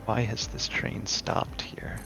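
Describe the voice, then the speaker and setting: A man's voice: slow pace, over music, poor audio. A man chatting drily while playing a game with a friend, teasing and questioning him. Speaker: co-host and player. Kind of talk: casual gameplay chat.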